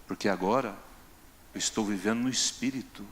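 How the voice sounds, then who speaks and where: A man's voice: on the low side, a little fast. A male pastor, preaching in a conversational way and acting out everyday scenes. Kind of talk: sermon. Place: church.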